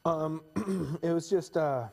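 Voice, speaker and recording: A man's voice: on the high side, slow pace, creaky. A man, a painter and illustrator, answering interview questions modestly and with hesitation. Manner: modest, hesitant, soft-spoken. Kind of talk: casual interview chat.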